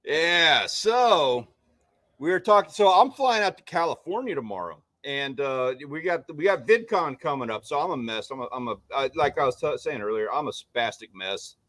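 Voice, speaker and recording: A man's voice: on the high side, expressive, moderate pace, pushed and bright, dry recording. A man co-hosting a casual fishing livestream, rambling and self-deprecating as he greets viewers by name. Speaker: livestream co-host. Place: home on Padre Island.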